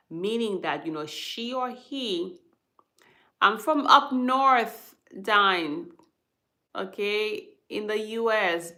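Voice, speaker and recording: Speaking in a lowish, bright voice with a forceful tone, a woman from Haiti who works in hospice runs a live stream on the subject. She explains patiently and checks in with her viewers after every point.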